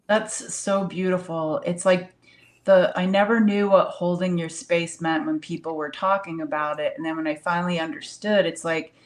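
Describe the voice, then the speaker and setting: Low-voiced rambling woman in discussion. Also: steady tone, moderate pace. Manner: warm, rambling, many fillers, laughs often. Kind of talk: casual spiritual discussion.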